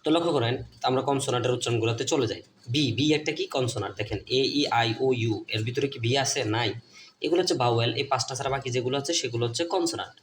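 Man, Bangladeshi Bengali accent, teacher at a board, repeats himself, asks and answers his own questions, mid-pitched voice, faint noise behind. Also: racing.

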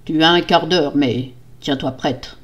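A man's voice: on the high side, unhurried, lightly acted. A woman voicing a cruel, murderous nobleman husband in a storybook reading, growling and roaring threats. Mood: grim.

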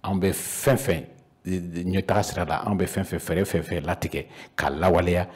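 A Malian-accented man in his fifties, a regional council official, explains things as a guest on a panel, mixing Bambara with French and often repeating words hesitantly. His low-pitched voice is slightly rough, unhurried and fairly even in intonation. He's in an indoor panel room, speaking into a handheld microphone with a foam cover.

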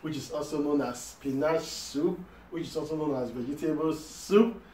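A man's voice: fairly high pitch, moderate pace, dark tone. A man with a Nigerian accent hosting a casual mukbang vlog at home, telling stories dramatically and dropping pidgin phrases. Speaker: vlog host. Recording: roomy, distant phone mic, faint noise.

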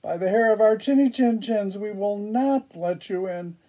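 A man voicing a chorus of small frightened wolves in a storybook read-aloud, in a much higher squeaky voice. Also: moderate pace, mellow. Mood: defiant.

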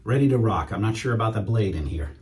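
A man's voice: fairly low pitch, expressive, quick pace, darkish tone, a little hiss or hum. A middle-aged man chatting casually to viewers while shaving at home. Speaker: wet shaving YouTuber. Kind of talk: casual shaving demo chat. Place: home shave room, indoors.

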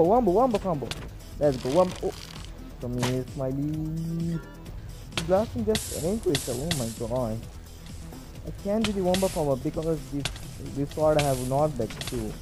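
A man giving excitable live gameplay commentary as a gaming video creator, repeating short shouts and chants. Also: fairly high pitch, low-quality recording. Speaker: gaming YouTuber. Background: background music.

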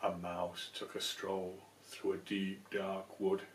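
A man in his sixties reads a picture book to his grandchildren, playfully coaxing them along, though his low-pitched voice is completely flat and slow. Recorded in a small home room by a camera a few feet away, the audio has roomy echo and a little hiss or hum.

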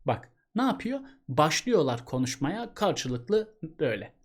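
A man's voice: on the high side, big pitch swings, measured pace, slightly rough. A man teaching an exam-prep literature lesson in a chatty way, asking rhetorical questions and addressing the student as a buddy.

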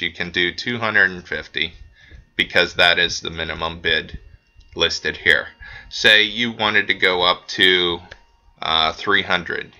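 A man with a deep, low voice that has a bright, forceful edge. He talks through a website tutorial in a loose, unscripted way and leans on plenty of ums and uhs. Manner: relaxed, with frequent ums and uhs. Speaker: auction house staff giving a website tutorial. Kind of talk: casual screen-recorded walkthrough.

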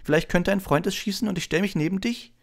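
A man's voice: sits high, quick pace, creaky, voice pushed up. A man voicing an eager, breathless young schoolboy who gushes and stumbles over his words in an audiobook reading.

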